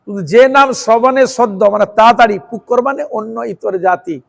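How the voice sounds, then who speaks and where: High-voiced Bengali preacher chanting verses. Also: male voice, creaky, long reverb tail. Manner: chants Sanskrit verses slowly, then explains with emphatic repetition. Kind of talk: devotional sermon.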